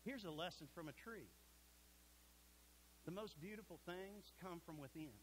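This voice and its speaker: A middle-aged man preaching a sermon in a church sanctuary, folksy and emphatic, dropping to a hush at points. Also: high-pitched, moderate pace, slight background noise, rough recording.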